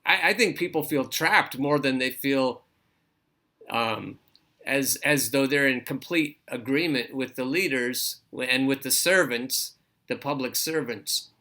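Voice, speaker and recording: Bright-voiced man hosting political commentary. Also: medium pitch, a little slow. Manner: reads an article aloud and breaks in with his own comments; stops and restarts phrases, repeats words. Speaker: podcast host.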